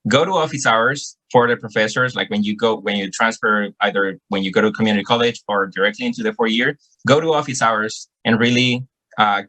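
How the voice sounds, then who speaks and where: A young man from El Salvador, a guest student with a Salvadoran Spanish accent, earnestly answers questions on a video call, often repeating words while he searches for phrasing. His voice is fairly low with a sharp tone, and the recording is low quality.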